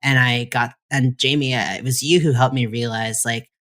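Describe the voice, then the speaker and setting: Female podcast co-host, strikingly deep voice, reflective, soft-spoken. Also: fairly even intonation, moderate pace. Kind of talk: casual podcast chat.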